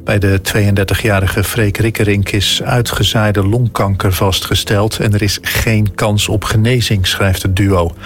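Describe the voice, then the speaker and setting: A man with a Netherlands Dutch accent reads a scripted radio news bulletin. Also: on the low side. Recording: music bed behind the voice. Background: music.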